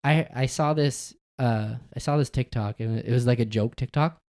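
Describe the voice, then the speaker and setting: A man's voice: mid-range voice, normal speed, darkish tone. A man co-hosting a podcast in casual chat, laid-back and slangy, rambling with lots of fillers. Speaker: podcast co-host.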